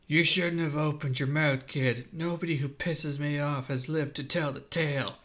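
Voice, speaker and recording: A man's voice: on the high side, steady tone, moderate pace, a bit bright, natural voice. A man voicing a cruel, sneering adult bandit leader. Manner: sneering, mocking.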